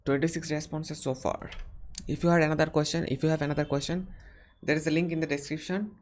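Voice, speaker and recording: Fast-talking and steady in tone, a young man with an Indian accent runs a casual live question-and-answer stream. His fairly high voice wanders through viewer questions with lots of fillers and restarts.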